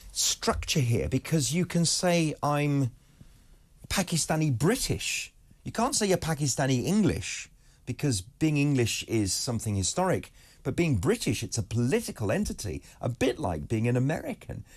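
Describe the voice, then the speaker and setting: A man hosting a broadcast interview, talking in an animated way and often cutting in with quick agreement. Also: slightly rough. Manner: animated, interjecting, rising emphatic pitch. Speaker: TV interviewer, host.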